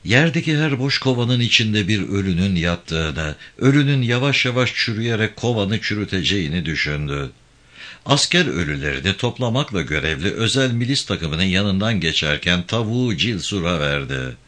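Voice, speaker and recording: A man reading a literary novel aloud in a measured, dramatic way. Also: low-pitched. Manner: measured, dramatic reading with lively rises and falls. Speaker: audiobook reader.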